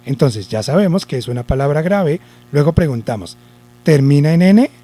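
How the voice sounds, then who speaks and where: A male teacher giving a spelling lesson to children, deliberate, repeating the rules and asking himself questions. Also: fairly high pitch, lively intonation, warm tone.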